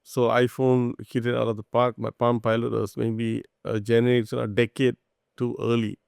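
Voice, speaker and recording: Man from Singapore, gravelly voice, dry close recording, explanatory interview answers. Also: mid-range voice, level tone, moderate pace, a little mellow, dry recording. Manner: thoughtful, explanatory. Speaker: guest, startup founder.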